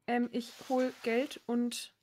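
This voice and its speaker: A woman's voice: a little high, monotone, takes it slowly, darkish tone. A woman playing her character in a tabletop role-playing game over a video call, chatty and slightly stumbling. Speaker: player.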